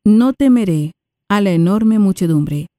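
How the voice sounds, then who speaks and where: A woman reading prayers, scripture and a psalm aloud in a measured, reverent way. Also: mid-range voice, animated, dark tone, dry recording. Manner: measured, reverent, unhurried phrasing. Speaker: liturgical reader. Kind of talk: slow solemn scripture reading.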